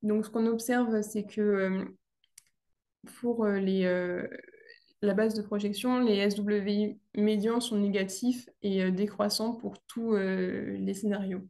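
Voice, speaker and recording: A woman's voice: medium pitch, steady tone, slow pace, gravelly, mellow. Hesitant young woman presenting a thesis. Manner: hesitant, many fillers and restarts. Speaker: student presenting her actuarial thesis.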